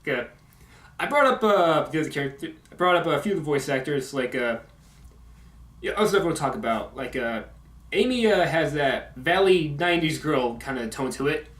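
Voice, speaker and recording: Talking about video games in a laid-back vlog update, a man stumbles and mumbles through a stream of fillers into a condenser mic. He sounds animated and a bit bright, his pitch on the high side, and his home room is echoey.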